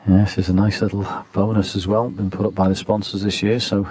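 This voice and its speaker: Hushed, low-voiced man commentating on snooker. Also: flat delivery, dry recording. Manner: measured, understated, in short phrases.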